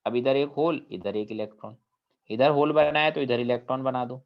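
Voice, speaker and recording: In a dull, lo-fi recording of a chemistry class, a man lectures in Hindi sprinkled with English technical vocabulary. His mid-range voice moves at a fairly quick clip, and he often poses questions to students to confirm they understand.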